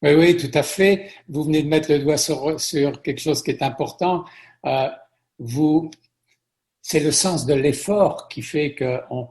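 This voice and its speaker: A middle-aged man from France, a chef being interviewed, telling stories in a lively conversational way and often repeating words as he thinks. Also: fairly high pitch. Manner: warm storytelling with frequent repetitions.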